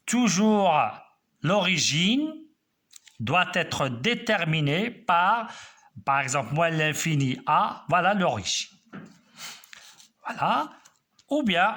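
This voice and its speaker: A man teaching a math class, walking students through each step and checking they follow. His pitch sits a little high and swings widely. He speaks slowly with a bright, forceful tone.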